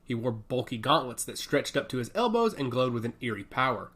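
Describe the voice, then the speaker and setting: Reading an action story from a script, this male narrator takes a dramatic audiobook approach. He speaks briskly at a medium pitch, with animated, shifting intonation and a breathy edge.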